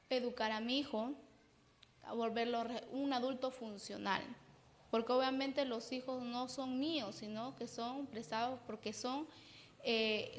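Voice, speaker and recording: Higher-voiced Peruvian woman psychologist, echoing. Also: a little hiss or hum. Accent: Peruvian Spanish. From Peru. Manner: explanatory, keeps checking in with "¿no?". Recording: long reverb.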